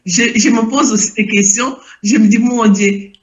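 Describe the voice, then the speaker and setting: A woman's voice: on the high side, fairly even intonation, moderate pace. An older woman giving an emotional spoken testimony, hesitant and repeating herself as she searches for words. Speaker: testifying church member. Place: lives in Belgium.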